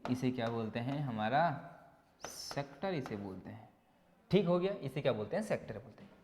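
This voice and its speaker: A man's voice: medium pitch, expressive, moderate pace, a little mellow, long reverb tail, a little hiss or hum. A man teaching a maths lesson for exam students, asking questions and answering them himself, with some encouraging pep talk. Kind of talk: whiteboard exam-prep lesson.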